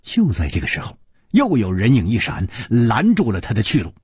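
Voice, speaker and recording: A man's voice: on the low side, wildly swooping pitch, brisk, a little mellow, breathy edge, no room sound, clean studio sound. A man telling a martial-arts tale on radio in a dramatic, vividly inflected storytelling style. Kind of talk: Chinese oral storytelling on radio.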